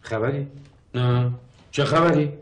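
A man's voice: medium pitch, slight background noise, close to an everyday voice. An actor playing an irritable, skeptical middle-aged professor and father, exasperated and dismissive in a sitcom. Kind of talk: TV sitcom acting.

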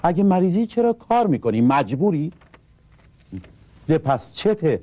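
An actor playing a good-hearted husband who never refuses a favor, talking with boastful, teasing exclamations. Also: male voice, a little high, sing-song, warm tone, dry recording. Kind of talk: comedy drama acting.

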